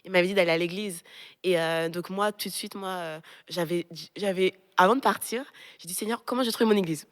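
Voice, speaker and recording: A young Frenchwoman, pastor and co-host, telling a story in a lively casual way and acting out the voices of people she quotes. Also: lowish voice, a little fast. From France. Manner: lively, animated retelling with quoted voices and laughter.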